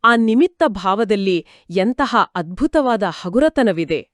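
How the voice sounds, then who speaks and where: A woman co-hosts a scripted spiritual discussion with a calm, explanatory delivery. Her pitch moves lively through each phrase, and the recording is dry and close. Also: slow, no room sound. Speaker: podcast co-host.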